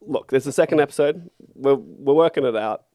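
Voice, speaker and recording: A man's voice: mid-range voice, a little fast, warm tone, no echo. An Australian man co-hosting a podcast in casual chat, with blokey, sweary Aussie banter. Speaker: podcast co-host.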